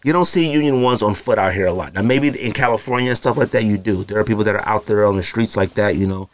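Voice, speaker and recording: A lowish-voiced man from Arizona talks fast as he hosts a casual solo podcast. His talk is slangy and rambling, and he often mimics other people.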